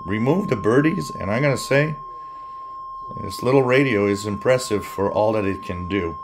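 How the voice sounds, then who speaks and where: A man giving a casual hands-on gadget demonstration as a reviewer, thinking aloud in halting short phrases. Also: lowish voice, animated, noisy background. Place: indoors at a wooden table.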